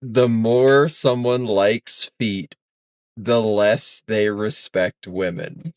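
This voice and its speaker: A man's voice: lowish voice, fairly even intonation, very slow, smooth, no room sound. Crude joking man, dry close sound. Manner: crude, joking, swears freely. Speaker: podcast co-host. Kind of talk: casual chat.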